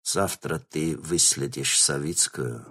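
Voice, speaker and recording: A man voicing a scheming male baron giving quiet orders in an audiobook. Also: husky. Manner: quiet, low and slow. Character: scheming male baron, a calm crime boss.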